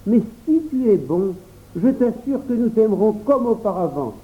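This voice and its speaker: Brief: man voicing a gentle young boy, storybook, soft coaxing tone, tinny phone-like audio. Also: high-pitched, very animated, moderate pace, a little hiss or hum, voice pushed up.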